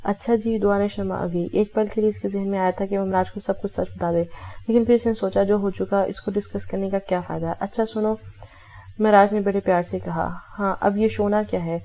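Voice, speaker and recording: A woman's voice: mid-range voice, steady tone, mellow. A woman reading a romance novel aloud, voicing every character in her own voice with small self-corrections. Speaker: audiobook narrator.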